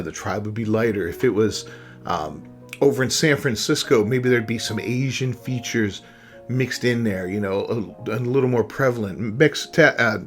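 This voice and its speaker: A man hosting a gaming channel, giving casual opinion commentary in a rambling way, often tagging on "right?" and "you know". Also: on the low side.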